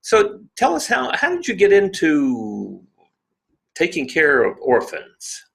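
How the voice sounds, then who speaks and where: A man's voice: on the high side, wildly swooping pitch, takes it slowly, creaky, a bit bright. A man hosting an interview show, welcoming his guest and asking questions with enthusiasm. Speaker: podcast host. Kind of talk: conversational interview.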